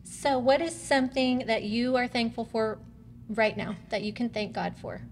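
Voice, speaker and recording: A woman acting as a guest presenter speaks as a mother, explaining things in simple, family-style language. Her voice is on the high side, with fairly even intonation and a normal pace, recorded in a reverberant room with background noise.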